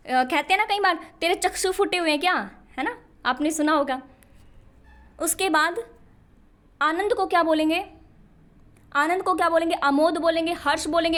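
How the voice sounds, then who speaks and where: A woman with a high voice teaches an exam-prep lesson. She explains each point patiently and keeps checking in with her students as she goes. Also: a bit bright.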